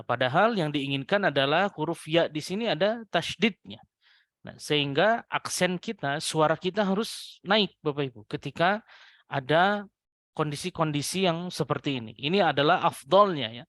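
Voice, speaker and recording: A man teaching Quran recitation rules to adult students, patiently repeating example words slowly with a lifted voice and addressing his listeners politely. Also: fairly high pitch, fairly bright tone, dry recording, studio quality. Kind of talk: tajwid lesson to adult students.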